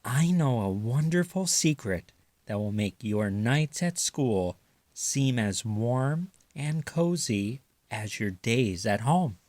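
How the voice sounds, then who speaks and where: A man voicing a gentle, reassuring mother raccoon in a tender, soothing manner for a children's storybook. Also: mid-range voice, animated, takes it slowly, no room sound.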